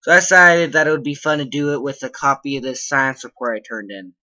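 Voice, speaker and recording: A man with a bright, forceful voice tears into an imaginary problem with mock outrage. He rambles and piles on sarcastic questions in the casual way of a comedy vlog host. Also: mid-range voice, fairly even intonation, fast, highs cut off. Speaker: comedy vlogger. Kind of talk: comedic rant reading his own school report.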